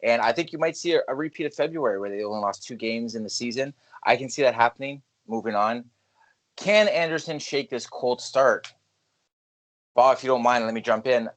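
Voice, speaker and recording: A man co-hosting a podcast, chatting casually about hockey and telling lively stories with plenty of swearing. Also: medium pitch, fairly quick. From Canada. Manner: lively storyteller, swears freely. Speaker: podcast co-host. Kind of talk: casual sports chat.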